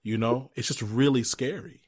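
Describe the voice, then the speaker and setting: Animated man telling a story. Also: mid-range voice, moderate pace, husky. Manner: animated, casual, chatty with frequent restarts. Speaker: podcast host. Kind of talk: conversational interview storytelling.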